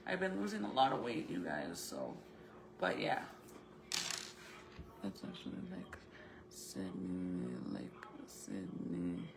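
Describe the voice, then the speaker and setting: Speaking a little slowly and pausing often, a woman with a low, gravelly voice chats informally with viewers, her pitch swooping wildly. She's a vlogger who shows crafts and baking, rambling as she thinks aloud, with a retainer mildly hindering her words. Background noise is audible.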